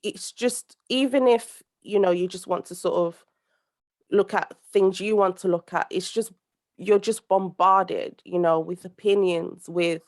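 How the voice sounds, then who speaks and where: Her medium-pitched, slightly mellow voice stays unhurried as she talks over a call as a podcast guest. The young British social commentator speaks earnestly in a conversational interview, rambling with lots of fillers and restarts.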